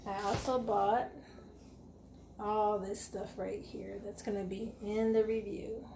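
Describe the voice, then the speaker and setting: Her voice is mid-range and gravelly, moving little in pitch and unhurried in pace. She's a vlogger in her forties chatting brightly to her audience in a casual grocery haul video, shot with the camera at arm's length in her home kitchen. The room is echoey, with faint background noise.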